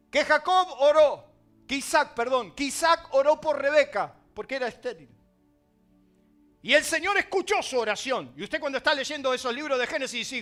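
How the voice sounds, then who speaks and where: Argentine male pastor, high bright voice, dramatic sermon delivery with soft music beneath. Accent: Argentine Spanish. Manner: dramatic, swings from loud emphasis to quiet asides.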